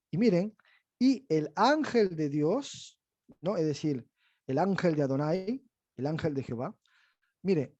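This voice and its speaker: A man leads a bible lesson in a slightly higher, mellow, dark-toned voice. He explains patiently and keeps checking that his listeners follow along. The sound is dry and a little dull, without much room around it. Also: no echo. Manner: explanatory, asks the audience "¿verdad?". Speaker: bible teacher. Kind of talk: teaching a bible class.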